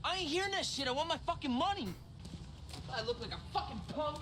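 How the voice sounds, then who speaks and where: A man's voice: very high voice, lively intonation, fast talker, background noise. An actor playing an angry young male drug dealer who swears indignantly over unpaid money in a crime TV drama. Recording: TV clip with music.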